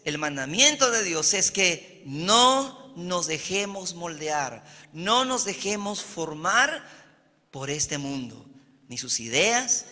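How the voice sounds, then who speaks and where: A high, bright-voiced man from Peru preaches a sermon, his pitch rising and falling widely. He speaks slowly and keeps drawing in his congregation with amens and questions. A long reverb from the church hall trails behind him. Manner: preaching with frequent "amén" and "¿verdad?" to the congregation. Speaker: pastor.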